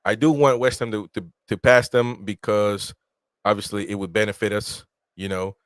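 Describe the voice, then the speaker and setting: A Peruvian-born man hosts a casual football watch-along live stream, chatting loosely in a laid-back way and reading out viewer comments. His voice is fairly low, with fairly even intonation and normal speed, on a dry recording.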